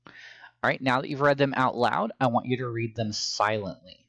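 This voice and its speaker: A man's voice: medium pitch, moderate pace, creaky, fairly bright tone, no echo. A man teaching a phonics and reading lesson to young children, with patient, encouraging instructions.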